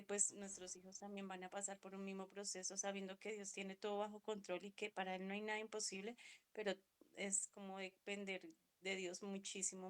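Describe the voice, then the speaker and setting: Middle-aged woman in a bible study chat, emotional, keeps restarting her sentences. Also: mid-range voice. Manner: emotional and halting, with many restarts. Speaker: participant in a women's Bible study. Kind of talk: personal reflection in a group discussion.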